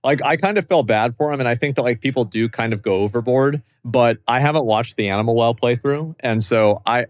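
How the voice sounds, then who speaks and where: A man's voice: medium pitch, brisk, hardly any pauses, no room sound. A man co-hosting a podcast, chatting casually and loosely, swearing often and leaning on fillers. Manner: laid-back, swears a lot, many fillers. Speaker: podcast co-host. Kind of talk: casual chat.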